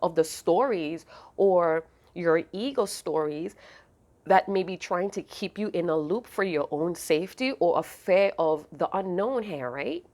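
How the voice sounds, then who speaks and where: A woman giving a spiritual reading to her viewers. She sounds sleepy and speaks softly and unhurriedly, often pausing to correct herself. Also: on the low side, expressive. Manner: soft, unhurried, self-correcting. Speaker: astrology and tarot reader.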